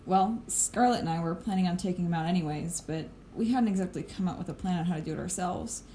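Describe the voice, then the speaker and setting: In an audio drama, a woman plays a sardonic, matter-of-fact planner for a superpowered team, sounding confident as she plots. Her natural voice is fairly low and dark, and she talks fast, casually, and with swearing. The recording is clear of background noise.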